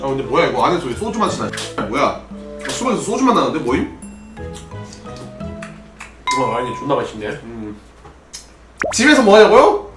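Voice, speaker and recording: A man's voice: mid-range voice, very animated, normal speed, pauses often, recorded from a distance. A young man with a Gyeongsang accent, a former pro gamer chatting casually with his viewers on a solo drinking livestream and answering their questions. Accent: Gyeongsang Korean. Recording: roomy livestream audio with faint music.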